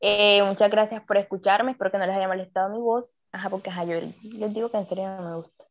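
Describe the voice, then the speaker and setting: A woman's voice: mid-range voice, fairly even intonation, quick pace, dull audio. A young woman with a coastal Colombian Spanish accent chats casually as a podcast guest, rambling and exclaiming as she goes. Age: young adult.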